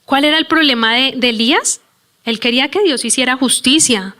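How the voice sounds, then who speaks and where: Woman pastor, slightly high voice, earnest testimony sermon in a church, reads scripture slowly. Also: pushed and bright. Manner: earnest, emotional storytelling, voices her own prayers.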